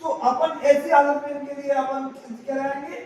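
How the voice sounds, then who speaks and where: A man teaching English grammar in a classroom lesson, slowly and with lots of repetition, asking questions and answering them himself. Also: very high voice, flat delivery, a little mellow, dull audio. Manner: slow and repetitive. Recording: very echoey room, from far off, faint noise.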